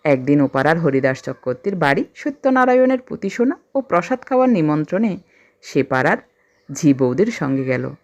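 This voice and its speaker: A woman storyteller reading a classic story aloud with an expressive, emotional delivery. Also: sits low, fairly quick, highs cut off.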